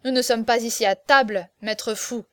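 A scheming prince who snaps curt commands and mocks the crowd, as a woman puts him on. The voice sits fairly high and the reading is dry and close. This is storybook narration. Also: fairly even intonation, moderate pace, bright, forceful tone, dry recording. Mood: commanding.

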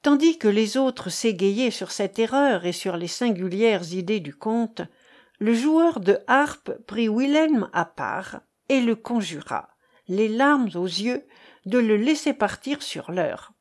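A woman narrates a classic novel aloud at a measured, steady pace. Her voice sits a bit higher than most women's, and the reading is calm and even throughout. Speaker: audiobook narrator.

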